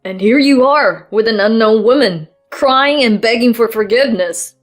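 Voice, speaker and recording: A woman's voice: fairly high pitch, moderate pace, close to an everyday voice. A woman voicing a stern older father, disappointed and reproachful. The voice stays near her own, set over faint background music.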